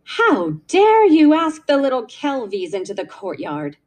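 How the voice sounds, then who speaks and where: A woman's voice: high voice, huge pitch swings, a little slow, a little mellow, pitched above the performer's own voice, exaggerated voice. A woman reading aloud, voicing a proud adult aunt who scolds in a cold, furious voice. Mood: cold fury. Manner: icy, scolding.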